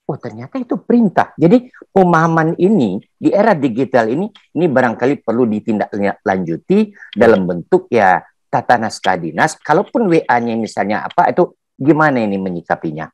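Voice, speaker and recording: A man's voice: mid-range voice, big pitch swings, brisk, a little mellow, no room sound. A man asks a long question in an online seminar, formal and hesitant, with frequent fillers. His intonation swings widely. The sound is dry, as on a video call. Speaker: seminar participant asking a question.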